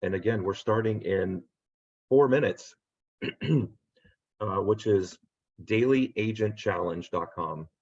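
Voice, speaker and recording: A man hosting a real estate agent training on a video call, upbeat and rambling, losing his voice and clearing his throat. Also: fairly low pitch, takes it slowly, long pauses, darkish tone. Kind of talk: casual video call pep talk. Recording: dull lo-fi video call audio.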